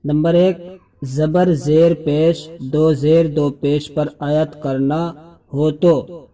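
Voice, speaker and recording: A young man teaching Quran reading, spelling out syllables slowly and chanting the verses. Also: on the high side, fairly even intonation, warm tone. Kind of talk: spelling-out lesson with chanted recitation.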